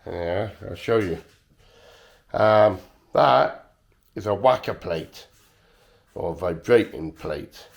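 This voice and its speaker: A man chatting casually to camera in a hesitant, joking way, full of pauses and uhs as he shows off new equipment. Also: low-pitched, expressive, creaky. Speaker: vlogger showing new equipment.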